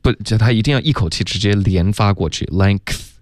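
A man with a lowish voice talks fast while teaching English pronunciation in a radio lesson, with some background noise audible. He walks through each point patiently, step by step, often saying "OK" and "嗯". The lesson comes from a radio studio.

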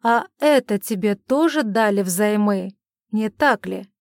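A woman voicing a stern, furious middle-aged father who accuses and shouts at his daughter in an audiobook. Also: medium pitch, steady tone, normal speed, no room sound, studio quality, lightly acted. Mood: angry.

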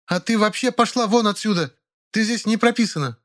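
A man voicing an indignant woman neighbour who scolds the others in the flat. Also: high-pitched, fairly quick, voice pushed up.

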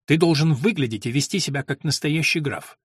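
A man's voice: on the high side, a little fast, slightly rough, no room sound. A man voicing a calculating, commanding noblewoman who coaches her son, in a firm, instructive manner. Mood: scheming.

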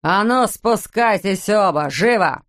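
A woman reading an audiobook voices a furious, brutal middle-aged father who growls slowly and menacingly. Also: high-pitched, lively intonation, a bit bright, full character voice. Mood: raging.

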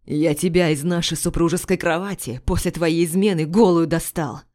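A woman's voice: lowish voice, fairly even intonation, moderate pace, a little mellow, lightly acted. Woman voicing a furious jealous husband. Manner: demanding, raw, accusing. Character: angry jealous husband, man, accusing his wife.

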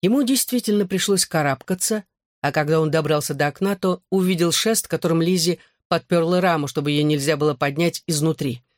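Man narrating an audiobook, measured. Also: fairly high pitch, no echo, studio quality. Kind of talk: scripted narration.

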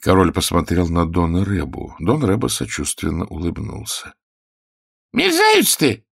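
A man narrating an audiobook with expressive storytelling. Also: sits low, moderate pace, vocal fry, husky, dry recording, studio quality.

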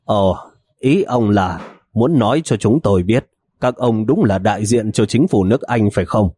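A man's voice: lowish voice, expressive, normal speed, warm tone, slightly rough, dry recording, studio quality. A man voicing an annoyed male detective with a sarcastic manner.

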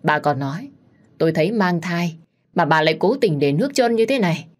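A woman voicing a spoiled, scheming young pregnant woman who wails and accuses in a shrill, loud voice. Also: moderate pace, lightly acted. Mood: wailing.

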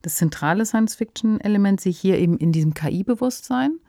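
Heard in studio quality with no room sound, a woman with an expressive, mellow mid-range voice talks at a quick pace. She co-hosts a podcast, discussing radio drama conversationally and discursively.

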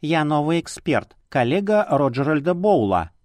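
A man voicing a quick-witted young woman who is a living porcelain doll, in an audiobook, speaking politely and composedly in a slightly raised voice. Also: on the high side, big pitch swings, a little mellow, no echo, pitched above the performer's own voice. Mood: cool, evasive. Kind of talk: audiobook character voice.

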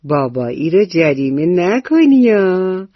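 A woman storyteller voicing an easygoing, gently teasing father in a bedtime radio story, speaking slowly and good-naturedly. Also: on the low side, very animated, no echo, highs cut off.

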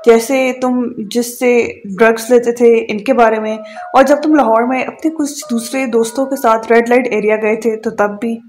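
A woman's voice: a little high, fairly even intonation, a little mellow, faint music behind, close to an everyday voice. A woman reading the part of a young wife who is hurt and reproachful toward her husband. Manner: wounded and reproachful.

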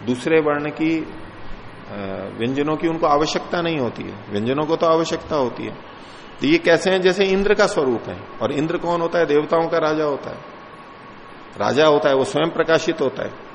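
A man's voice: fairly high pitch, gravelly. Man teaching scripture in a reverberant hall. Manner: recites verses slowly, then explains in plain speech. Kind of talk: scripture commentary lecture. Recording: reverberant hall with faint ambient noise.

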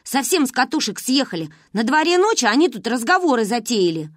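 A woman's voice: on the high side, sing-song, a little fast, no room sound, clean studio sound, pitched above the performer's own voice. A woman voicing a stern older sister who threatens and scolds the younger girls. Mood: angry.

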